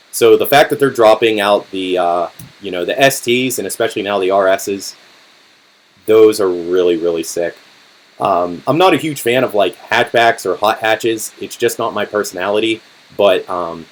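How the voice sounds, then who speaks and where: Young dude on a home livestream, kinda low voice going hoarse, lots of ums, just chatting. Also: male voice, rough recording. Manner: relaxed and rambling, many ums and restarts. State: voice getting hoarse. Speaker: car channel host. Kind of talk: casual live-stream Q&A.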